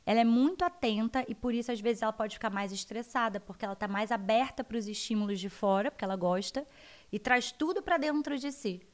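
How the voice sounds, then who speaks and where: A woman with a Brazilian accent, a guest educator explaining child development in an animated interview. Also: fairly high pitch, a little fast. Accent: Brazilian Portuguese. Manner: animated, acts out her children's voices.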